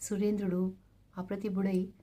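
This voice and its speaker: A woman reading a translated novel aloud as storyteller, in a steady, measured way. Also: medium pitch.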